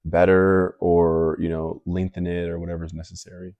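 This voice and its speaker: A man's voice: deep voice, level tone, normal speed, dry recording, muffled recording. A man hosting a casual chat, musing loosely about life with lots of fillers. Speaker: host.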